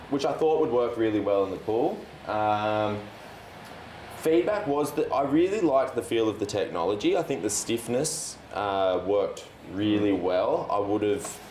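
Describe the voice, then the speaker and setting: A man's voice: lowish voice, a little mellow. A man with an Australian accent casually explaining his board review as a surf shop worker. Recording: roomy echo, faint background noise.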